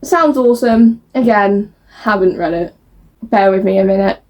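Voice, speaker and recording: A woman's voice: mid-range voice, normal speed, a little mellow. A woman chatting casually as a book vlogger, reading blurbs aloud and stumbling over words in a self-mocking way.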